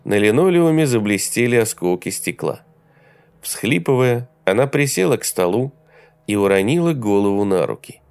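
A man giving a steady, even reading of an audiobook as its narrator. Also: lowish voice, moderate pace, smooth, dry recording.

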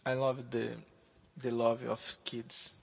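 Gravelly and monotone at a medium pitch, a Portuguese-speaking man in his 30s halts often as he hunts for the right English words. He's having a casual chat with a stranger online.

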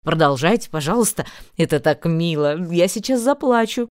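A woman's voice: fairly low pitch, expressive, moderate pace, a little mellow, dry recording, clean studio sound, lightly acted. A woman voicing a mocking male magister who talks in a gushing, mock-sentimental way. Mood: mock tender.

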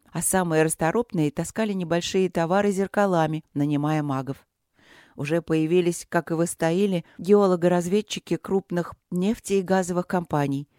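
A woman's voice: on the low side, dark tone, no echo, clean studio sound. Woman narrating a fantasy audiobook. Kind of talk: scripted narration.

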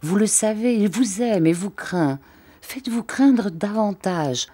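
A woman's voice: medium pitch, expressive, a little slow, dark tone, breathy edge, voice pushed up. A woman reading the part of an earnest young man urging the woman he loves, in an audiobook.

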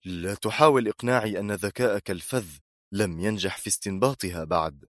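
A man's voice: on the low side, a little fast, a bit bright, no echo, studio quality, lightly acted. A male narrator voicing a nervous, irritable government minister who speaks tensely and hesitantly in an audiobook. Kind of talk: audiobook character voice.

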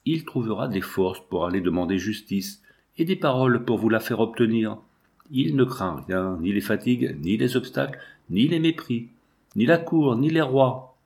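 A man's voice: mid-range voice, expressive, normal speed, creaky, a little mellow. A man reading the lines of a devoted young woman who fervently implores her parents. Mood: pleading.

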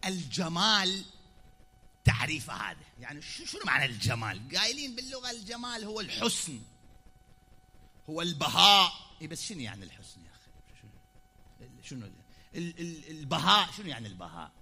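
Iraqi male preacher at a pulpit, high and very bright voice, teacherly sermon that swings to loud declaiming. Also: big pitch swings, brisk, long pauses. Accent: Iraqi Arabic. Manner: explanatory, swings from quiet asides to loud declaiming. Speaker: preacher at a mourning gathering. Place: pulpit in a hall.

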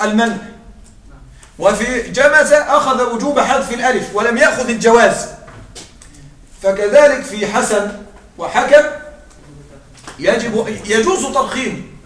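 A man's voice: very high voice, a bit bright, a little hiss or hum. A man teaching a grammar class as a lecture. He reads a passage aloud, explains it step by step, and keeps checking whether his students follow.

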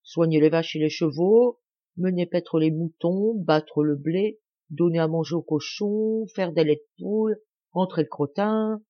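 A woman's voice: fairly low pitch, a little slow, highs cut off. A woman voicing a ragged, cheeky sixteen-year-old farmhand who speaks plaintively with a mocking edge. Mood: bashful.

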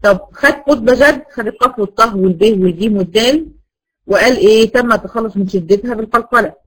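Fast-talking Egyptian woman teacher. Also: on the high side, a bit bright, poor audio. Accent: Egyptian Arabic. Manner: asks the class rhetorical questions and answers them. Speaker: Quran recitation teacher. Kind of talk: classroom lesson.

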